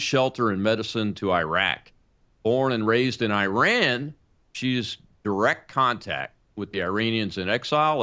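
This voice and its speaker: A man's voice: mid-range voice, pushed and bright, highs cut off. Older male talk show host, emphatic. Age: 60s. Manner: emphatic, with frequent fillers and restarts. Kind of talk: political talk show hosting.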